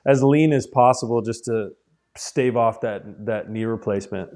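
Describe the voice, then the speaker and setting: A man's voice: mid-range voice, normal speed, a little mellow. A man in his thirties, a former pro football player, chatting casually as an interview guest, easygoing and restarting his phrases.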